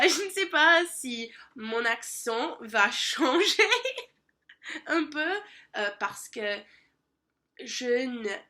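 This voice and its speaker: Slow, bright American woman vlogging hesitantly. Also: fairly high pitch. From United States. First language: English. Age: young adult. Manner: hesitant, many fillers and self-corrections; laughs at her own slips. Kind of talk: casual vlog in a learned language.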